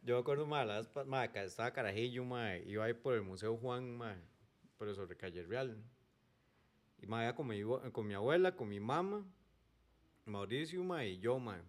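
A man's voice: medium pitch, moderate pace. A man with a Costa Rican accent in casual podcast chat, adding short slangy remarks and telling a childhood memory.

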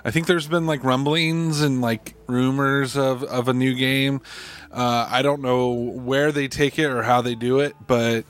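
A man's voice: medium pitch, fairly even intonation, measured pace, smooth. Easygoing male podcast co-host. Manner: thoughtful, loose, frequent fillers. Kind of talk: casual podcast chat.

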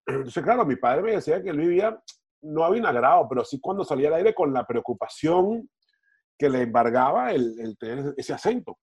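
A man's voice: on the high side, animated, a little fast, darkish tone, slightly rough. A middle-aged man, a football TV panelist talking casually on a podcast, rambling and restarting his words. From Venezuela.

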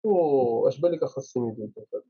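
A man's voice: medium pitch, expressive, fast, husky. A man with a Moroccan accent giving opinions in a casual football discussion, mixing in French phrases, on a slightly dull recording.

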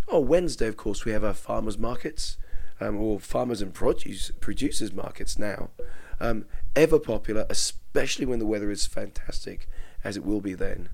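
Croaky man hosting a local guide. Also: mid-range voice, darkish tone, poor audio. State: croaky, hoarse voice. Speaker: host of a local events guide. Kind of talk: informal announcements of community events.

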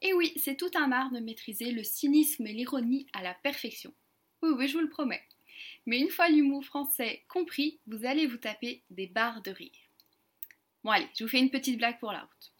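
A woman, host of an online lesson, talking to viewers in a friendly, clear way. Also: high voice, normal speed. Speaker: French teacher and channel host.

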